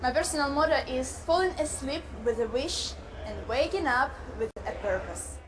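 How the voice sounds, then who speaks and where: A woman's voice: high voice, expressive, moderate pace. A nineteen-year-old woman from Ukraine, giving an earnest, rehearsed pageant self-introduction. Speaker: pageant contestant. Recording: noticeable background noise.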